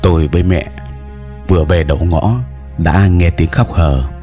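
A man reading aloud his own story as a measured, deliberate storyteller. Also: deep voice, warm tone, soft background music. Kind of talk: storytelling narration.

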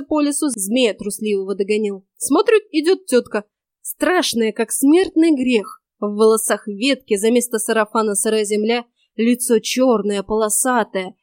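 A woman's voice: on the high side, a little mellow, no echo, clean studio sound, close to an everyday voice. A woman reading an audiobook voices a boastful, simple-minded young male hero with rustic speech.

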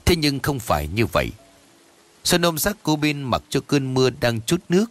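A man narrating a ghost story in a lively, expressive storytelling manner. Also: medium pitch, normal speed, faint music behind.

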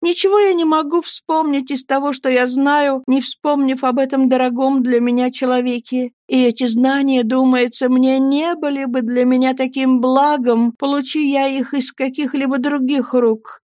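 A woman voicing a gentle young wife who pleads earnestly and with fervour, in an audiobook. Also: sits high, steady tone, moderate pace, hardly any pauses, no room sound, studio quality, pitched above the performer's own voice, close to an everyday voice. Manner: fervent, pleading.

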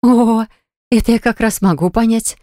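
A woman narrator voicing a stern, sharp-tongued young woman who scolds and mocks in an audiobook. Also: lowish voice, quick pace, no echo, clean studio sound, close to an everyday voice. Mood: mocking. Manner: mocking, scolding.

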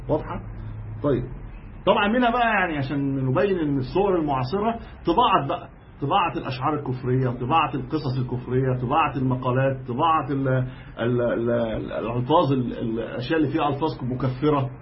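Fast-talking Egyptian sheikh lecturing. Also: male voice, on the high side, a little hiss or hum. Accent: Egyptian Arabic. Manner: explanatory, emphatic, frequent restarts. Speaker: sheikh teaching a lesson. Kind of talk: religious lesson lecture. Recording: dull lo-fi lecture recording.

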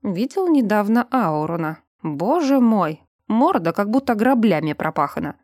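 A woman's voice: mid-range voice, very animated, a little mellow, no room sound, clean studio sound. Woman putting on a sly sardonic lynx-shifter boss. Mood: drawling sarcasm. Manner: slow, sarcastic, suddenly barking. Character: sly middle-aged male lynx-shifter official, sardonic.

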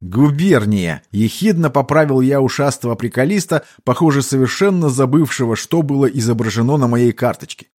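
A man narrates an audiobook in even, measured tones. His voice sits in a middle register. The delivery is steady and plain. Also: medium pitch. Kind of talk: scripted narration.

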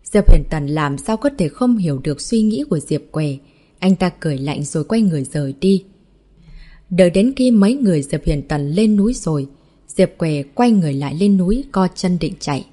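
Woman narrator, low mellow voice, reads the novel in an even tone and gives every character the same plain voice. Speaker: audiobook narrator.

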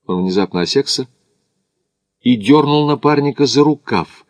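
A man narrating an audiobook in a measured literary reading. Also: mid-range voice, expressive, dry recording.

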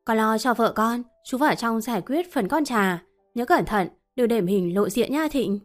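A commanding middle-aged uncle, read by a woman narrator, protective and urgent. He pushes his words with force, over quiet music. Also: on the high side, lively intonation, normal speed, close to an everyday voice. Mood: hushed.

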